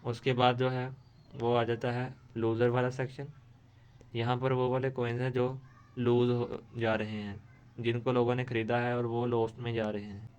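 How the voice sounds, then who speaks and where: A man's voice: medium pitch, flat delivery, moderate pace, darkish tone, smooth, lo-fi sound. A man, hosting a screen-recorded tutorial and explaining steadily, with frequent restarts. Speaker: tutorial host.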